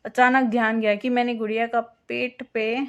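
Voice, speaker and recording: A woman narrating an emotional first-person story slowly, with drawn-out pauses. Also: on the high side, level tone, highs cut off. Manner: slow, heartfelt, with drawn-out pauses.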